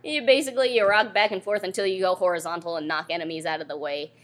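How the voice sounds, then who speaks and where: A woman's voice: fairly low pitch, fairly even intonation, fast talker. A young woman co-hosting a podcast live at a convention panel, chatting casually and rambling with many fillers. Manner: rambling, with frequent fillers and laughs. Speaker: podcast co-host. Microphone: handheld mic.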